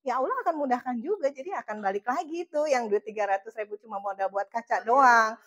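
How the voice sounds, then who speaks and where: A woman's voice: a little high, quick pace, a bit bright, muffled recording. A woman giving a casual, emphatic motivational training talk and laughing often. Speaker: motivational trainer for charity fundraisers.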